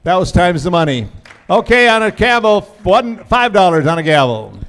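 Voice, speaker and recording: A man's voice: sits high, sing-song, moderate pace, fairly bright tone. A man announcing at a live auction as the instructor, addressing the crowd and guiding the bidding.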